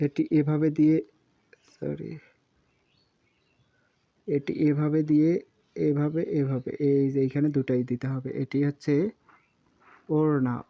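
Man slowly teaching kanji, dull lo-fi sound. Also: on the high side, level tone, creaky. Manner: repeats words slowly, spells out syllables, often says sorry. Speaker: Japanese teacher. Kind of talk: kanji lesson while writing on a board.

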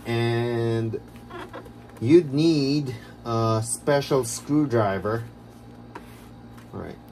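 A man vlogging a casual how-to walkthrough, explaining in a rambling, halting way, recorded on a low-quality phone camera. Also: darkish tone, a little hiss or hum. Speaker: DIY vlogger.

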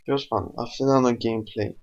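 Gravelly-voiced Cypriot gamer swearing loudly. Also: male voice, medium pitch, muffled recording. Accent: Cypriot Greek. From Cyprus. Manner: excitable, swears a lot, sudden loud outbursts. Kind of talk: let's play commentary.

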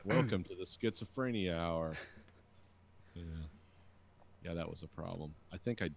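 A deep, creaky voice at normal speed belongs to this podcast host in his forties. Recording in a dim home studio with a studio mic on a boom arm and headphones, he tells rambling, crude stories, swears freely and mimics others, with a little hiss or hum on the audio.

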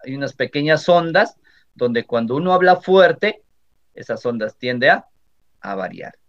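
A man with a Peruvian Spanish accent, teaching a software tutorial for teachers step by step and often checking that his listeners are following. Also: medium pitch, animated, measured pace. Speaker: teacher training instructor. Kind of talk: screen-recording software tutorial. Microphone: computer microphone. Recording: slightly dull lo-fi audio.

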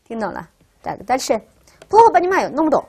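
A woman's voice: fairly high pitch, very animated, quick pace, a little mellow, husky. A woman teaching a language class, who keeps asking her students rhetorical questions and checking in with "right?". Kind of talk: classroom lecture.

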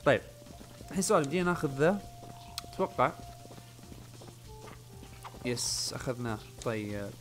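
A young man giving casual let's-play commentary, muttering to himself and yelling when things go wrong. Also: mid-range voice, animated, moderate pace, pauses often, faint music behind. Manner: chatty, often muttering under his breath, bursts of panicked yelling. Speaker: gaming channel host.

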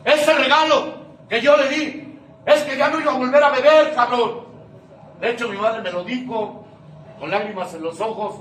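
A man's voice: extremely high pitch, steady tone, normal speed, fairly bright tone. A man with a Mexican accent giving an emotional recovery testimony, emphatic and full of street slang and swearing. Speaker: speaker sharing his recovery testimony. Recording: echoey room, mic at a distance, faint noise.

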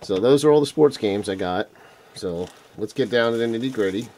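A retro game collector vlogger shows off his latest finds in a casual unboxing video, rambling enthusiastically with plenty of ums and uhs. His lowish, slightly mellow voice is going hoarse, so he clears his throat now and then, and he talks briskly with lively intonation. An off-screen camera mic picks him up indoors as his hands work on a table, with a little hiss or hum.

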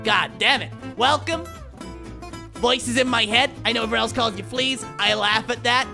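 A man with a Sheffield accent voicing a scrappy, scheming male garbage rat who rambles excitably in a game role-play. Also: extremely high pitch, moderate pace, gravelly, music in the background. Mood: rambling. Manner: rambling, excitable, shouts in bursts. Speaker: streamer.

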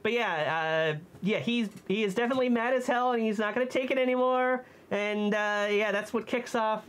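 Woman talking through a costume head. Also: on the high side. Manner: hesitant, often pausing to search for words. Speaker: movie review co-host. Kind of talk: casual movie review chat.

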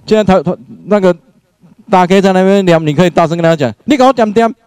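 A man giving an animated spiritual lecture, acting out scenes and laughing often. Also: sits high, fast talker, clear, resonant tone, no room sound. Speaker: lecturer, doctor. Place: lecture room.

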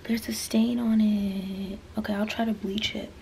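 A woman's voice: medium pitch, little pitch movement, unhurried, vocal fry, warm tone, a little hiss or hum. A twenty-year-old woman rambling casually through a clothing try-on haul, full of fillers and asides, filmed in a small bedroom. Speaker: fashion vlogger. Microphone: camera on a stand, mid-distance.

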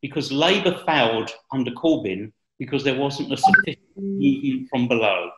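A man's voice: mid-range voice, big pitch swings, normal speed, heavy background noise. Older man on an echoey call. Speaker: political commentator. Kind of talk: political discussion. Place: bright room at home. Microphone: video call. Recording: roomy, echoey video call.

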